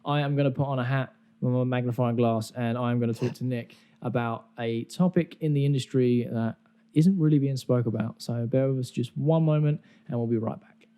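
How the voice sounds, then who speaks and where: A man talks as a podcast host. His tone is very mellow and dark at a middling pitch, and he explains things in loose, chatty language. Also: a little fast, clear, resonant tone. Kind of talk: casual explanatory chat.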